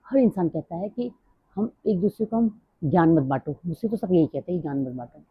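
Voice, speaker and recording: Middle-aged woman vlogger, quick rambling talk, dry tinny phone-like sound. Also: lowish voice, expressive, husky, no room sound. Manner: fast-talking; rambling, drifts off topic. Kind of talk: casual personal vlog talk.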